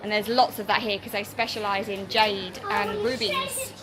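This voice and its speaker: A woman's voice: mid-range voice, huge pitch swings, normal speed. A British woman giving casual, chatty travel vlog narration straight to her viewers. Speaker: family travel vlogger. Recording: noisy busy public places, crowd chatter behind. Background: crowd chatter and urban bustle.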